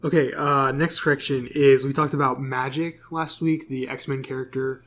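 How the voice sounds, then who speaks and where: A man's voice: mid-range voice, flat delivery, moderate pace, a bit bright. A man co-hosting a podcast, casually reading through corrections with plenty of fillers. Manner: reads corrections from notes, many fillers. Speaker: podcast co-host. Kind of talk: casual chat.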